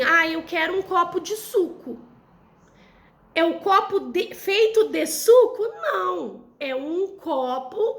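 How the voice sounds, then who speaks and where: A chatty young Brazilian woman teaching a literature class on video, her high voice carrying a gravelly edge. She keeps turning to her students with little tag questions as she explains. A faint hiss sits behind her. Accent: Brazilian Portuguese. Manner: chatty, addresses students directly with frequent "né?". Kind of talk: recorded class lesson for ninth graders.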